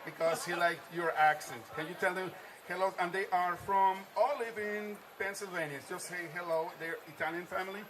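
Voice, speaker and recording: A man's voice: high voice, steady tone, normal speed, crowd noise. A man hosting a live stream from a trade-show floor, reading viewer comments aloud and echoing his guests' answers in an upbeat way. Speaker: livestream host.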